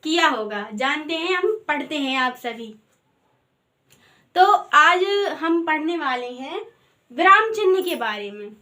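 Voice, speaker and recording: A woman's voice: sits high, animated, slow pace, sharp tone. A woman teaching a grammar lesson in a patient way, asking the class questions and answering them herself.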